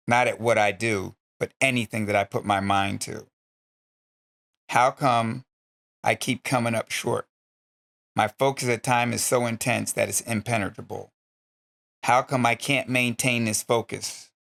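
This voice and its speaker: His voice is mid-range and creaky with a fairly bright tone. Being interviewed, this middle-aged stunt performer reads aloud from an old journal and then discusses it with blunt, earnest emotion, cursing freely and nearly crying.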